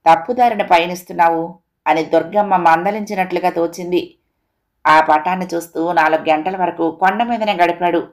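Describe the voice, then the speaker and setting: A woman storyteller reads a moral tale for children. Her delivery is steady and expressive, paced for young listeners. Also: lowish voice, moderate pace.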